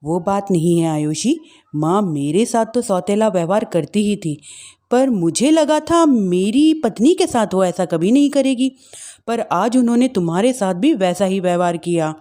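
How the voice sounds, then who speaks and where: A woman voicing a subdued, gentle young husband with a quiet, placating manner in a family story. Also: mid-range voice, lively intonation, normal speed, pitched below the performer's own voice, close to an everyday voice. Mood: hurt. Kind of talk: acted family-drama storytelling.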